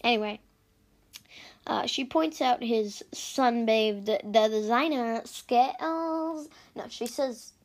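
Recording on an iPad, a woman hosts a casual podcast recapping books, her fairly high voice roughened by frequent vocal fry. She speaks slowly and rambles, breaking off mid-sentence for giggly asides.

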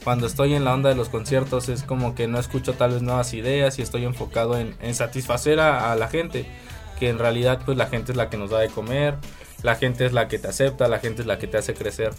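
A man's voice: mid-range voice, fairly even intonation, faint music behind. Earnest young man from Mexico City. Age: 20s. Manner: earnest, explanatory, slow in places. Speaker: guest, concert promoter and singer. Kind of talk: interview answers.

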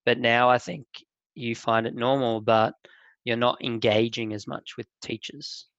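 A man who is a teacher, hosting a school podcast in a halting, rambling way. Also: mid-range voice, steady tone, a bit bright, no room sound. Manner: rambling, halting, many fillers. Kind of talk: casual podcast talk. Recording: dull lo-fi dry sound.

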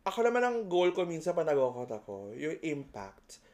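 A man's voice: fairly high pitch, normal speed. A man in his thirties with a Filipino accent, a teacher co-hosting a casual podcast chat, telling stories playfully. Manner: animated, playful storytelling.

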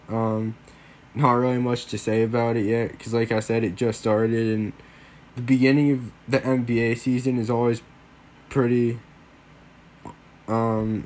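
This low-quality recording carries some hiss or hum behind a young man's medium-pitched, darkish voice. He hosts a solo sports podcast alone, rambling casually with many fillers, a little worn down as he recovers from a lingering cold.

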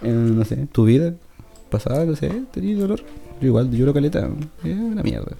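A young man with a Chilean accent, co-hosting a casual podcast and trading quick, joking replies with frequent laughter. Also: on the high side, very animated, creaky, dark tone, soft background music. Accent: Chilean Spanish. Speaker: podcast co-host. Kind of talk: casual crude banter.

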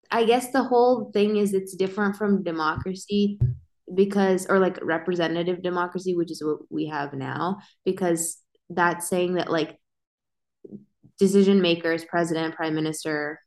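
A woman co-hosting a podcast, chatting casually in an opinionated, slangy, informal way. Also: lowish voice. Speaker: podcast co-host.

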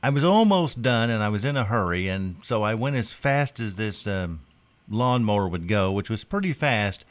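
A man's voice: fairly low pitch, lively intonation, normal speed. A man hosting a morning radio show with wry, teasing, casual storytelling and comic banter.

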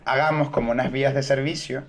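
A man's voice: medium pitch, steady tone, quick pace. A man with a Venezuelan accent, a podcast co-host telling a comic anecdote and acting out the people in it. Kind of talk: casual comedic storytelling.

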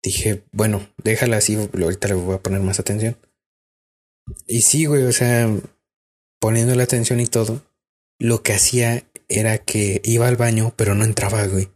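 A man's voice: lowish voice, level tone, moderate pace, a little mellow, husky. A man with a Mexican accent, telling a spooky personal story in casual, rambling podcast chat with lots of fillers. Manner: rambling with many fillers and restarts. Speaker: podcast co-host.

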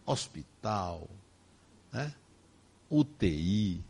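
An older man with a Brazilian Portuguese accent, giving a personal testimony as a spiritist speaker in slow, emphatic, emotive storytelling. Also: lowish voice, big pitch swings, gravelly, darkish tone, slightly rough.

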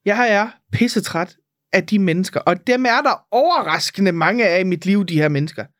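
A woman co-hosting a podcast in casual chat, ranting in an animated, exasperated way and swearing freely. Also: medium pitch, dry recording, studio quality. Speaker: podcast co-host.

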